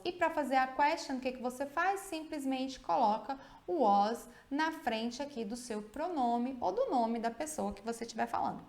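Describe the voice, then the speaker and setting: A woman's voice: high voice, reverberant. A Brazilian woman teaching English grammar in a video lesson, explaining step by step and often checking in with tag questions. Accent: Brazilian Portuguese.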